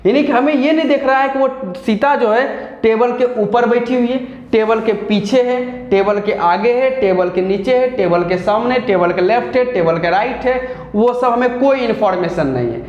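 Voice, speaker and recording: A man's voice: extremely high pitch, normal speed, darkish tone, echoey room, highs cut off. A man with a Hindi accent, teaching an English grammar lesson patiently, step by step with repeated examples.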